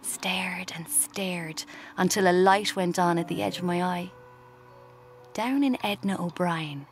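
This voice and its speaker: Voicing a cheeky, morbid aspiring writer for a radio drama, this young Irish woman narrates quietly and deliberately. Her voice sits on the low side.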